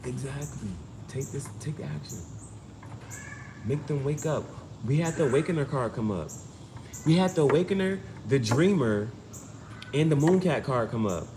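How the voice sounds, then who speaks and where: With a mid-range, expressive voice at normal speed, this man delivers a casual spiritual reading as an amateur tarot streamer, taking long pauses. He pushes his advice hard, repeating himself with emphasis. Noisy ambience is clearly audible behind him.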